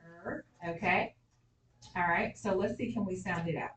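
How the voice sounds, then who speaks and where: A woman's voice: lowish voice, normal speed. A woman teacher leading a classroom spelling lesson, prompting with questions and saying "okay" and "all right" often. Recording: distant classroom recording with faint noise.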